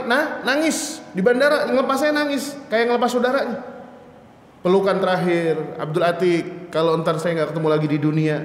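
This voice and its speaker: A middle-aged man delivers a mosque sermon in a high voice, telling stories and tossing questions to his listeners. His voice rings through a large hall with a long, roomy reverb. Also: a little hiss or hum. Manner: lively storytelling, asks the audience questions, acts out voices. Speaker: preacher. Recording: echoey hall.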